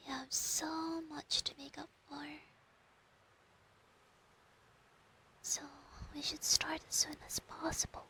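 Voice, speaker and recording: Woman playing a high whispering possessive fox spirit. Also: little pitch movement, normal speed, sharp tone, poor audio. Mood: longing, coaxing. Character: possessive female fox spirit familiar, clingy and proud. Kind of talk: whispered role-play. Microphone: close binaural microphone.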